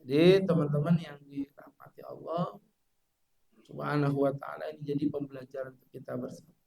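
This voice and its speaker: A man preaching a mosque sermon in a lively, joking way, chanting short recitation examples. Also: a little high, a little fast, creaky.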